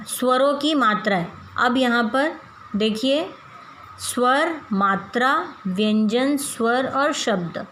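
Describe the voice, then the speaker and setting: A woman's voice: sits high, lively intonation, takes it slowly, fairly bright tone, a little hiss or hum, poor audio. A woman teaching a grammar lesson to children, patiently spelling out syllables one at a time.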